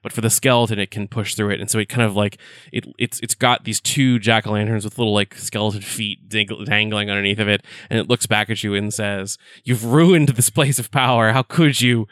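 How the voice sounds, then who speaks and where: A man's voice: fairly low pitch, little pitch movement, fairly quick, a bit bright, smooth, no echo, studio quality. A man narrating as game master of a tabletop game, rambling with fillers.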